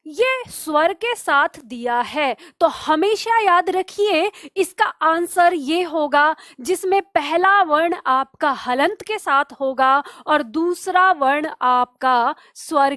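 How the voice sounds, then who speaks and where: A woman's voice: high-pitched, a bit bright, no room sound, studio quality. A woman teaching a Hindi exam-prep lesson, explaining patiently and asking and answering her own questions.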